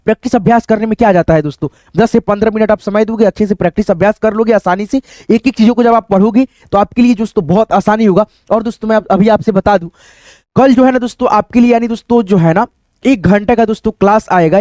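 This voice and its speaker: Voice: medium pitch, warm tone, no echo. A teacher giving a phonics lesson, repeating each word and often calling the viewers friends. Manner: repetitive, addresses viewers as friends.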